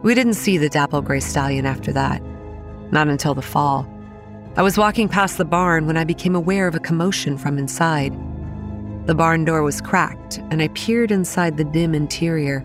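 An actress with a deep voice plays a haunted young woman, narrating childhood horrors in the first person with solemn, deliberate storytelling. The acting is light, the mood tense and grim, with music in the background.

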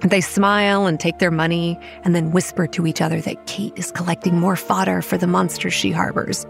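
An actress voices a wry, weary young campground manager narrating a horror audio drama, measured and dry in delivery. Her female voice is lowish and creaky, with little pitch movement, and the mood is wry and brooding. Music plays beneath her as she speaks.

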